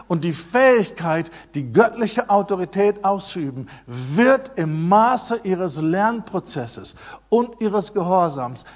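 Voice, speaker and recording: High-voiced man preaching with emphatic repetition. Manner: emphatic, repeats key phrases, swings between loud and soft. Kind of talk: sermon.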